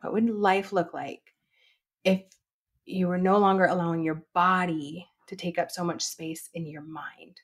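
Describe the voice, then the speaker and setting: A woman's voice: lowish voice, steady tone, measured pace. A woman guest on an interview show, talking in a bubbly, giggly way with many fillers. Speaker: guest author and fitness instructor. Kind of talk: casual interview.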